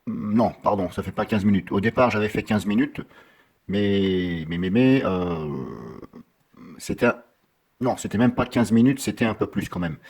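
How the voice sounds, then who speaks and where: A man giving a casual software tutorial, rambling and often correcting himself with many fillers. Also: on the low side, moderate pace, husky.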